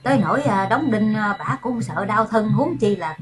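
A woman voicing a lively, quick-tongued young countrywoman, bossy with the village kids. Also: mid-range voice, over music, close to an everyday voice. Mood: scolding softly.

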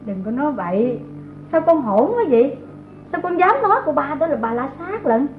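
An actress playing a humble, long-suffering young mother and servant who speaks meekly and pleads softly, in an old radio drama. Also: high voice, animated, normal speed. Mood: tender. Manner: meek and pleading, tender with the child. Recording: tinny, phone-like old recording with music.

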